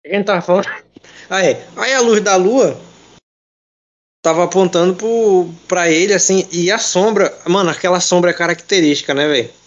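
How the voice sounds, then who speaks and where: A man in casual chat with friends, retelling a film as an animated, jokey storyteller full of slang. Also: high voice, normal speed, highs cut off.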